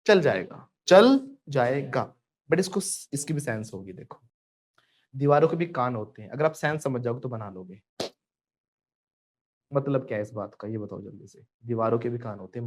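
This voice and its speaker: A man's voice: on the high side, darkish tone. A man with an Indian accent teaching a spoken English lesson, switching between Hindi and English and having students repeat phrases.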